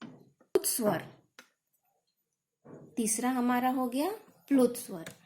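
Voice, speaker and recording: A woman teacher giving a grammar lesson, explaining slowly and repeating definitions, sometimes correcting herself. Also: a little high, darkish tone, a little hiss or hum. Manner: slow, deliberate explanation with repetition; corrects herself mid-sentence.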